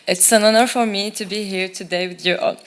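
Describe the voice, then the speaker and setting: Young woman from iraq explaining stuff on a panel, mid pitch, careful, says like a lot, table mic. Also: steady tone, a little fast. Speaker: student panelist. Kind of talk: conference panel talk. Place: large lecture hall. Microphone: handheld gooseneck table mic.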